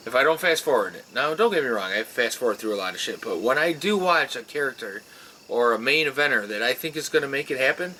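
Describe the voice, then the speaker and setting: A man co-hosting a casual wrestling chat show, animated and given to acting out what he describes. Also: medium pitch, quick pace, a little hiss or hum, rough recording. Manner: animated, acts out wrestlers with voices. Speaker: podcast co-host.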